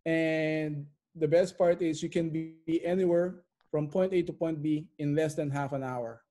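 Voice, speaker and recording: A middle-aged man who immigrated to Canada and invests in real estate is a guest in an interview, answering questions conversationally in a bright living room at home. His voice is a little high, steady, mellow and unhurried, and he repeats phrases for emphasis.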